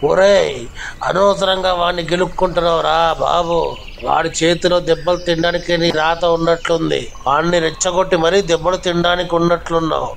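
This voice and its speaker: A fretful scolding zombie sidekick. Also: male voice, on the high side, flat delivery, a little fast, vocal fry, a little hiss or hum. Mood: warning. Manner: scolding, pleading. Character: worried nagging male zombie sidekick. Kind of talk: cartoon voice acting.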